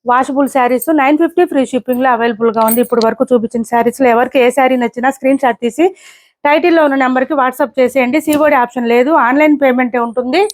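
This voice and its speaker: A woman's voice: high voice, fairly even intonation. A woman presenting sarees for sale online, describing each one and repeating prices and ordering details. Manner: brisk, repetitive price callouts. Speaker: saree seller. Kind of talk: online sales showcase.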